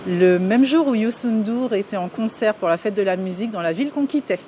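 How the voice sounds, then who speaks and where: A woman's voice: medium pitch, brisk, warm tone. A woman in her forties from France, answering interview questions casually and hesitantly, with many filler sounds and restarts. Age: 40s. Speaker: interview guest. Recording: clear outdoor street noise behind.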